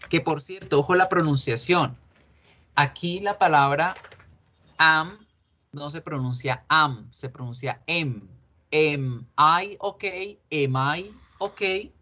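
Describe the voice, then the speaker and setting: Male English teacher, slightly high voice, patient, repeats examples slowly. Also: sharp tone, slight background noise. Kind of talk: online class lecture.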